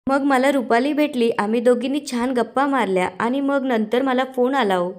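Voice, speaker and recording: A woman's voice: sits high, moderate pace, natural voice. A woman reading the lines of Prabhubai, a fretful, pleading middle-aged woman.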